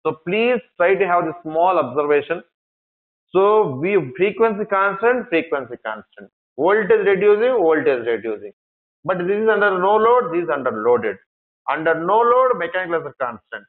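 A male engineering lecturer with an Indian English accent leads a classroom lesson in a fairly high voice. He keeps repeating key phrases and asks the class questions that he then answers himself. The recording sounds thin and tinny, like a phone line. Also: sing-song, moderate pace.

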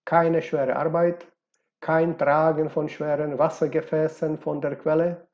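Man voicing a gruff old village doctor, gravelly, slow and brusque, dull lo-fi sound. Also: on the high side, little pitch movement, darkish tone. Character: grumpy, knowing old male village doctor.

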